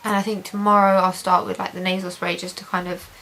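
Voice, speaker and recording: A woman talks fast in a level, somewhat bright voice that sits on the low side, giving an informal video diary update to camera. Chatty and positive, she sounds reassured and repeats intensifiers; the hissy home recording is rough.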